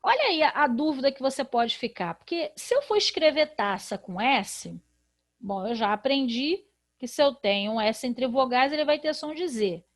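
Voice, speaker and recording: A woman's voice: high voice, expressive, normal speed. A woman with a Brazilian Portuguese accent, a literacy teacher in a recorded video lesson who explains patiently and asks rhetorical questions.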